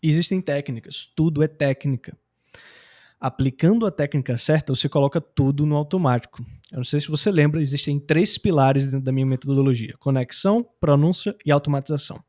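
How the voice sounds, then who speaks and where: A young adult man from Brazil gives a casual, slang-filled lesson on learning English. His voice sits fairly high. He talks with lots of energy and keeps acting out example phrases. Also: a little fast, darkish tone. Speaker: English teacher. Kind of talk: casual teaching talk.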